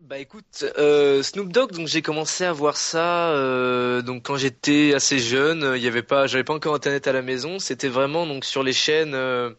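A man's voice: medium pitch, steady tone, moderate pace, hardly any pauses, a bit bright, no echo. A young man guest chatting casually over an online call, hesitant with many fillers and a laid-back delivery. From France. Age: young adult.

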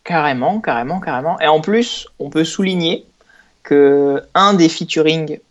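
A man's voice: fairly high pitch, measured pace, lo-fi sound. A man talking as a guest on a music chat show, joking and hesitant, full of fillers. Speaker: guest panelist. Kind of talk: casual chat.

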